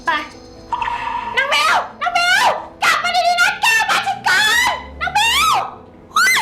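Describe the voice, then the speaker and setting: A woman playing an angry young woman who scorns and shouts in a short film. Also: very high voice, sing-song, normal speed. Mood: straining. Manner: scornful, then shouting and groaning. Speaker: cheated daughter confronting a swindler. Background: music.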